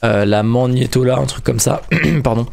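A young man hosting a video game playthrough in casual commentary, excitable and stumbling over his words. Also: mid-range voice, normal speed, vocal fry. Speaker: gaming video host. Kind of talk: casual let's-play commentary.

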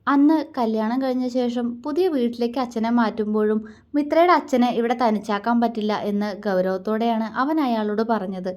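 A woman storyteller reading a romance story aloud in a soft, expressive way. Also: on the high side.

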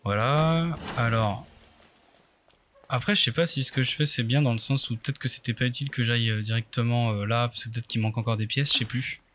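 A man's voice: mid-range voice, fairly even intonation, brisk, fairly bright tone. A man doing casual let's play commentary, thinking aloud and muttering hesitantly to himself in short bursts. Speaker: let's play video game streamer.

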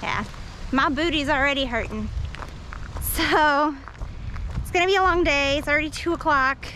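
A woman's voice: sits high, moderate pace, sharp tone, slight background noise, poor audio. A woman hiking alone and talking to an action camera on a forest trail, rambling with lots of fillers and poking fun at herself. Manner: rambling, self-deprecating, many fillers. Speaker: hiking vlogger. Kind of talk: casual vlog narration while hiking.

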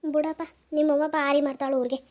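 A woman's voice: sits high, little pitch movement, fairly quick, highs cut off, lightly acted. A woman voicing a gossiping middle-aged village neighbor in a cartoon, with a North Karnataka Kannada accent. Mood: gossipy.

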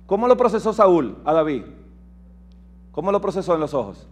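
A man with a high-pitched voice delivers a lively sermon-style teaching. He retells scripture with emphatic, shifting delivery and keeps turning to his listeners with rhetorical questions. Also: moderate pace. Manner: asks the audience rhetorical questions. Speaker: preacher and health lecturer.

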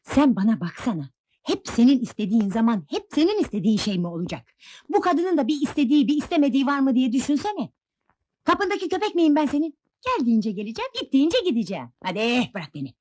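A woman's voice: medium pitch, big pitch swings, fast, slightly rough, no echo. An actress playing a defiant young wife who stands up to her husband, in old film acting. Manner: defiant, sharp retorts. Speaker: wife and mother. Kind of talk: 1960s Turkish film acting.

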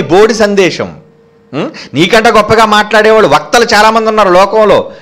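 A man preaching with fire and rebuke, his voice pitched high for a man and swinging widely up and down. He fires question after question at his congregation and scolds them sharply. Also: fairly bright tone. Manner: fiery and scolding, with frequent rhetorical questions to the congregation. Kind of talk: sermon.

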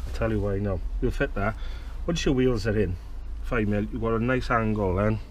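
A man's voice: lowish voice, normal speed. A man in his thirties from the UK giving a chatty, plain-spoken how-to demonstration outdoors in a back garden, recorded on a nearby action camera. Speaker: fishing channel host. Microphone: action camera close by. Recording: noisy outdoor camera audio.

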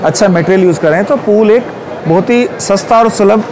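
A man in his forties giving a confident, persuasive sales pitch at a stall in a large exhibition hall. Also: moderate pace, a crowd in the background. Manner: confident, persuasive, gestures while explaining. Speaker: pool company representative.

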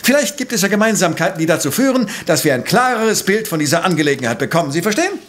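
An actor playing an exacting, self-assured professor and amateur sleuth in a German audio drama, speaking precisely and pompously. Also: male voice, high voice, very animated, fast talker, a bit bright, slight background noise. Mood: analytical, assured.

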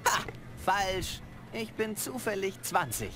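A man's voice: high-pitched, sing-song, slow pace, a crowd in the background, heavily acted. A man voicing a young, earnest and cheeky would-be pirate in a cartoon adventure game.

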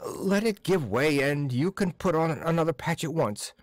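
A meek, stammering clerk, put on by a man who breaks off his phrases and pleads. The voice sits well above his usual pitch and swings around a lot. The sound is dry and close. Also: expressive, no echo, lightly acted. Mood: pleading. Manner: halting, broken-off phrases, pleading. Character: timid stammering older male clerk.

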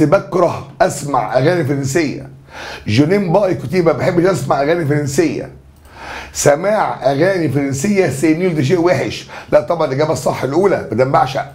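Egyptian guy teaching french, talks super fast, kinda high voice, jokes around a lot. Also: a little mellow. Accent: Egyptian Arabic. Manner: chatty, joking, brisk teacher explaining answers. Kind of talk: exam review lesson.

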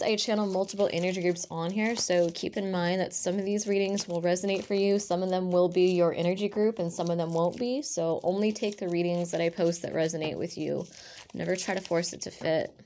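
Reading tarot cards to the camera in a relaxed chat, a woman with a raspy voice and a lingering cough half-whispers each card's name as she lays it out. She is a tarot reader recovering from a cough, seated indoors at a table draped in purple cloth, with the camera above her hands and her face out of frame. Her voice is fairly low and steady, mellow, at normal speed, with a slight hiss or hum.

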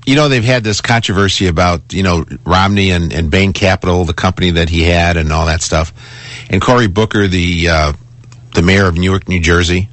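Low-voiced man hosting talk radio. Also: a bit bright, dry recording. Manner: conversational, repeats and restarts phrases for emphasis. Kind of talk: casual talk radio monologue and caller chat. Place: radio studio. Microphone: close studio broadcast microphone.

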